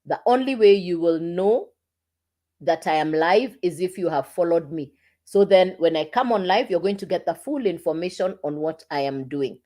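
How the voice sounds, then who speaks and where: Woman pitching on a livestream. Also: lively intonation, moderate pace, mellow. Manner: repetitive, coaxing, addresses viewers directly. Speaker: online marketing livestreamer.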